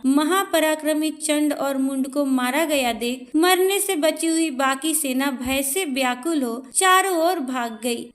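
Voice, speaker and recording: A woman reciting a devotional scripture in a slow, measured, solemn manner. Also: high voice.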